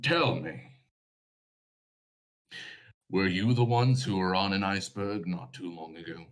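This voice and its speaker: Man playing a haughty, slow frost giant. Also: sits low. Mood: accusing, mocking. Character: haughty, accusing frost giant, coldly mocking.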